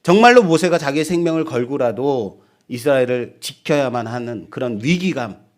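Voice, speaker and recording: A male pastor delivers a sermon in a mid-range voice at normal speed. He is animated, firing rhetorical questions at the congregation and acting out quoted speech.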